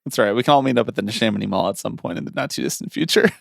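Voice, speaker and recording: A man's voice: fairly low pitch, racing, creaky, no echo, clean studio sound. A man co-hosting a podcast in casual chat, joking, laughing often and trailing off mid-sentence. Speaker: podcast co-host.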